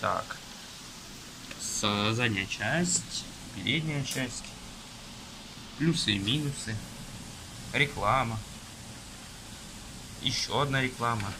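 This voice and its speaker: A young man casually goes through a car magazine page by page, listing items haltingly with fillers, while a phone camera films from above his table indoors and rain falls outside. His voice is mid-range, and there is background noise.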